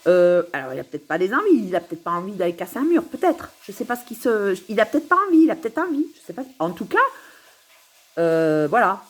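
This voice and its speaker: A woman's voice: mid-range voice, very animated, fast talker. A woman recording a rambling, philosophical monologue to camera at home, musing, giggling and repeating herself. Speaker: vlogger.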